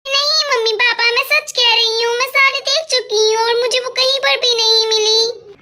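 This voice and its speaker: A woman's voice: very high-pitched, steady tone, normal speed, noisy background. A woman voicing a young girl doll in a storytelling video, anxious and calling out as she searches. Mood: worried. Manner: worried calling out.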